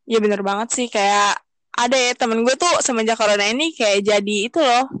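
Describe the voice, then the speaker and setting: Young Jakarta woman, higher-pitched podcast chatter. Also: brisk, fairly bright tone, no room sound. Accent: Jakarta Indonesian. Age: young adult. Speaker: podcast co-host. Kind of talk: casual podcast chat with slang.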